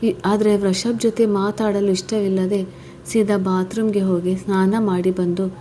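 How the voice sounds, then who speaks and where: A woman storyteller narrating a scripted family story in a steady, plain manner. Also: medium pitch, unhurried, slight background noise.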